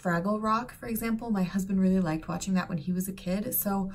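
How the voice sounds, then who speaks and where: A vlogger in her thirties, born in Serbia and raised in Canada and the US, chats casually to camera in a bright room at home. She rambles with plenty of fillers and asides. Her voice is medium in pitch, steady and fairly quick.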